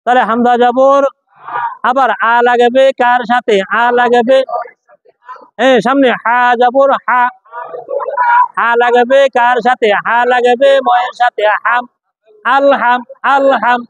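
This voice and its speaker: High-voiced man drilling a reading class. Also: level tone, takes it slowly, long pauses, a bit bright, no room sound, muffled recording. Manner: drills spelling by call and response, asks questions and answers himself. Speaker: Quran reading teacher. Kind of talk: classroom lesson.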